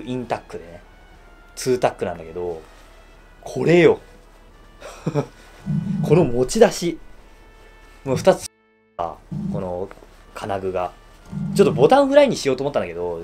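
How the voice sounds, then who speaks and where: A man talks casually through his suit piece by piece, laughing often. His voice is mellow and dark, yet his pitch swings widely from phrase to phrase. Soft music plays quietly underneath. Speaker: shoe-shine YouTuber reviewing his bespoke suit. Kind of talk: casual show-and-tell review.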